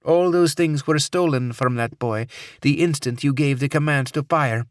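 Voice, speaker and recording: A cold, vengeful female terrorist, as a male narrator puts her on, speaking in a smooth, much higher voice with a Middle Eastern accent. She taunts and threatens in a measured, menacing way, on a dry, close audiobook recording. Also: no echo, lightly acted. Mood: coldly menacing.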